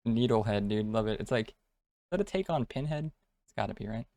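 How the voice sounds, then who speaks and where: A man's voice: fairly low pitch, expressive, a little fast, warm tone, no echo. A man co-hosting a card game stream with casual, off-the-cuff commentary in laid-back slang. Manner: laid-back slang, says dude often.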